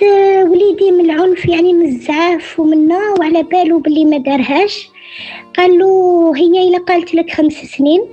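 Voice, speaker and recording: Caller: middle-aged Algerian woman over the phone, high voice, hesitant telling, faint music behind. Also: warm tone. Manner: halting, many hesitant fillers. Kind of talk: telling her story in a call-in show. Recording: dull phone line.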